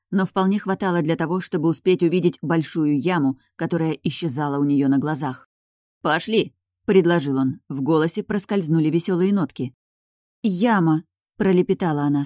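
A woman reading an audiobook in a calm, measured narrating voice. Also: deep voice, dry recording, studio quality. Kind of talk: scripted narration.

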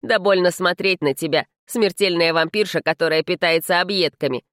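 A woman's voice: on the low side, brisk, a bit bright, dry recording, studio quality, lightly acted. A woman voicing a scrawny, cheeky male house spirit who sounds like a teen, brash and slangy in an audiobook. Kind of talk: audiobook character reading.

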